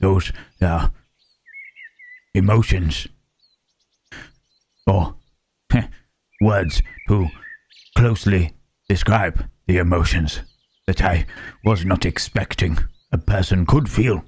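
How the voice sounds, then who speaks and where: A man performs a lonely Frankenstein-style monster for an ASMR roleplay. The voice is very deep and rough with husk, and it moves very slowly, halting and pensive. The creature is gentle and melancholy, choosing formal words with care. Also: full character voice. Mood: pensive, sorrowful.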